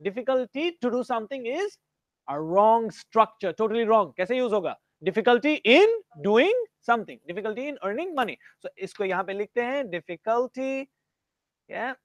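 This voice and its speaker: A man's voice: high-pitched, no echo. A man with an Indian accent teaching an English grammar class. He switches between English and Hindi and quizzes students by name.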